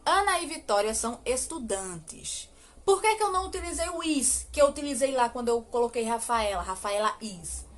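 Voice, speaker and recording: A Brazilian woman with a fairly high voice teaches English grammar to children. She speaks in quick explanations, then draws out each example sentence slowly and checks in with rhetorical questions. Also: animated. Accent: Brazilian Portuguese. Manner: slow, drawn-out model English sentences between quick explanations; asks rhetorical questions, frequent "ok?". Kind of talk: recorded online grammar lesson.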